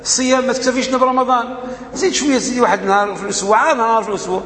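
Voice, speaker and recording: A man's voice: extremely high pitch, fairly even intonation, racing, fairly bright tone. Moroccan man, religious teacher, emphatic rhetorical questions, echoey hall, long reverb. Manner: emphatic, asks rhetorical questions and answers them. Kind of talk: religious lesson to a gathering. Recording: echoey hall, faint background noise.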